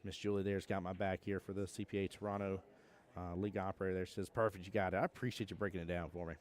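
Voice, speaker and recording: A man's voice: sits low, flat delivery, very fast. A young man from Georgia with a Southern accent, commentating a pool tournament on a live stream and chatting with viewers in a joking, laid-back way. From Georgia, USA. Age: young adult.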